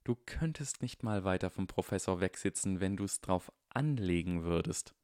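A haughty young wizard boy with clipped, sneering lines, put on by a male reader. The voice sits low and close, with no room sound at all. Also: expressive, normal speed, a little mellow, dry recording.

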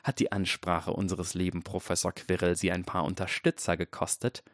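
A man's voice: sits low, flat delivery, moderate pace, dry recording, studio quality, lightly acted. A man voicing a tall, fearless older woman who speaks in an icy, scornful and pointed way. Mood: mocking.

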